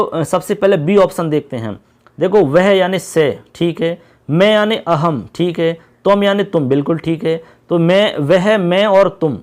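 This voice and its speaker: A man teaching an exam-prep lesson, patiently repeating key points and reading questions out slowly. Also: high voice.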